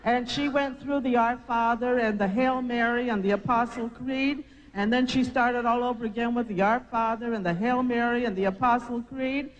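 An older woman telling a personal testimony as a lively storyteller. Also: fairly high pitch, moderate pace, few pauses, muffled recording, slight background noise. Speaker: testimony speaker.

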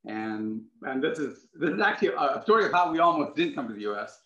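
A man's voice: mid-range voice, very animated, brisk, fairly bright tone. A middle-aged man born in Ghana, telling a long personal story as an interview guest on a video call, with many restarts and asides. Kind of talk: conversational storytelling. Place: home room with wooden furniture. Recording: echoey room, muffled sound.

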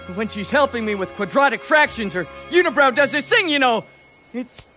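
Chill teen boy, rambling; high, bright. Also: animated, a little fast, soft background music, heavily acted. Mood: teasing. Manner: casual, rambling. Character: laid-back teen boy friend.

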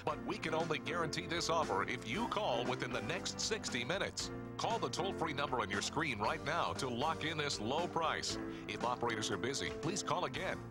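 A man delivering a scripted, urgent sales pitch in the manner of a home shopping host. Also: lively intonation, normal speed. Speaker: infomercial announcer. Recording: loud music bed under voice. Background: music.

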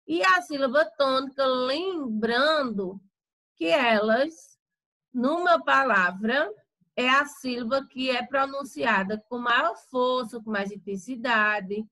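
Woman teacher going over a lesson, high voice, bit of gravel in it, slow and careful. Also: sharp tone. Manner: slow, careful explanation with repeated examples. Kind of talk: recorded remote Portuguese lesson.

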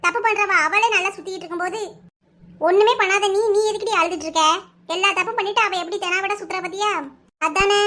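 A woman with a Kanyakumari Tamil accent voicing a fierce, protective village woman who scolds loudly. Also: very high-pitched. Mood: consoling. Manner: loud scolding, threatening.

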